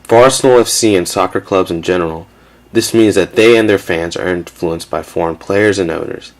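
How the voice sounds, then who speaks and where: A man giving a measured, factual scripted narration for a documentary. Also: low-pitched.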